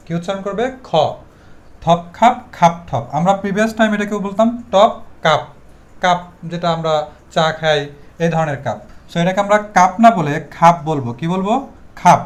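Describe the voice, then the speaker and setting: A man with a Bengali accent teaching English pronunciation with tongue twisters, asking questions and answering them himself while drilling phrases over and over. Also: high voice.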